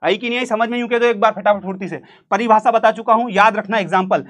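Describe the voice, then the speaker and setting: With a central Indian Hindi accent, a man teaches an exam-prep literature lesson in a playful, jokey style, acting out quotes and breaking into sung snippets. His voice is high and a bit bright, and he moves at a quick pace.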